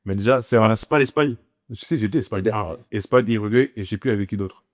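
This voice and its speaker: A man chatting casually about football with friends, animated and quick to argue his point. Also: fairly low pitch. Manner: animated, talks over others.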